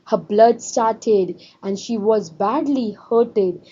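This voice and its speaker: A woman's voice: a little high, slow pace, mellow, breathy edge, lo-fi sound. A woman teacher, explaining a story to her students and asking them questions. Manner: repetitive, asks students questions. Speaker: English teacher. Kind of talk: classroom lesson explaining a story.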